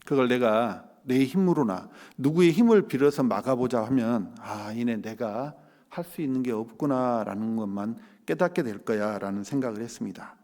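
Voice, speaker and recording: Lively male preacher in a reverberant church. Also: medium pitch, normal speed. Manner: lively preaching with rhetorical questions to the congregation. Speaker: pastor. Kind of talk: sermon. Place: church sanctuary.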